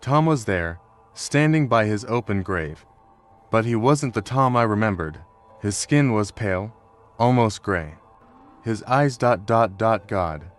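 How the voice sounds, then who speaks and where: A low-voiced man narrates a scripted first-person horror story, his delivery tense and fearful. Faint music plays quietly behind him. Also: expressive, unhurried.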